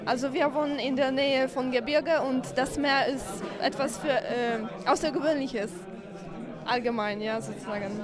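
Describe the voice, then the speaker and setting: A woman's voice: high-pitched, steady tone, moderate pace. A young woman in her twenties from Poland, a native Polish speaker with a Polish accent, speaking German hesitantly as an exchange student and searching for words. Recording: crowd noise behind.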